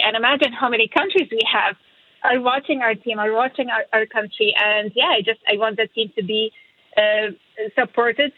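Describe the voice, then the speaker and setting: A woman from Syria, a radio show producer, talking in a halting, filler-heavy way with frequent giggles. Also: on the high side, slightly rough, no room sound. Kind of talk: phone-in radio interview. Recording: tinny phone line.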